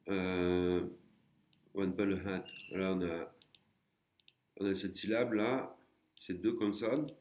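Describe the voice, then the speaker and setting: Slow, deep-voiced male language teacher. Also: fairly even intonation, a little mellow. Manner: patient, explains step by step with many hesitations. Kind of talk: screen-recorded lesson.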